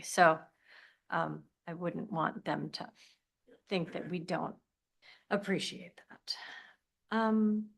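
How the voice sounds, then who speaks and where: A woman's voice: low-pitched, gravelly, fairly bright tone, husky. A woman chairing a village board meeting as mayor, informal and joking, with many fillers as she reads out agenda items. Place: municipal meeting room.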